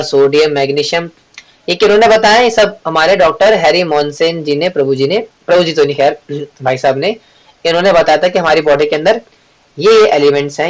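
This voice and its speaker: A man teaching a devotional scripture class in a chatty, joking way. He asks the class questions, answers them himself and clears his throat often. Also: fairly high pitch, low-quality recording. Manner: joking, chatty, teasing the audience. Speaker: Bhagavad Gita class teacher.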